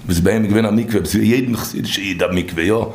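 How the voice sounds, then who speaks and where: A man telling stories from religious teachings in an informal, animated way, his voice leaping high and then dropping low. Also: fast. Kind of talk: informal storytelling talk. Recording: echoey room.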